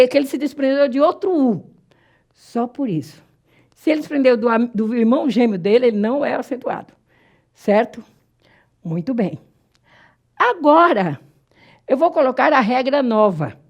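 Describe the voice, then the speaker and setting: A woman from Brazil teaching a Portuguese grammar lesson for exam prep, repeating and drawing out key words slowly and asking herself rhetorical questions. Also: a little high, very animated, darkish tone.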